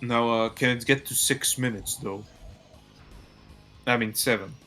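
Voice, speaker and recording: A man's voice: medium pitch, steady tone, measured pace, pushed and bright, faint music behind. A man hosting a game live stream in casual chat, rambling with a slurred-sounding delivery while hiccuping.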